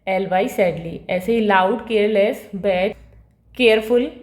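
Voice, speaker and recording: Slow, careful woman teacher. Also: mid-range voice, darkish tone. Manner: slow, deliberate reading of English lines, brisker Hindi explanation. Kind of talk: bilingual textbook lesson, reading English then explaining in Hindi. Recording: echoey room.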